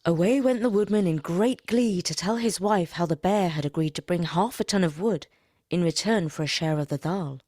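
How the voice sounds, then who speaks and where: A woman reading a children's story aloud as the narrator, expressive and playful. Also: fairly low pitch, normal speed, no room sound, clean studio sound.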